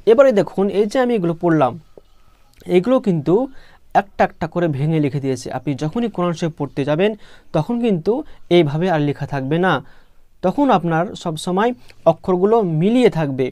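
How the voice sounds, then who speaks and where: A man's voice: a little high, lively intonation, a little fast, mellow, dry recording. A man teaching a step-by-step Quran reading lesson, patiently repeating letter sounds and asking himself questions.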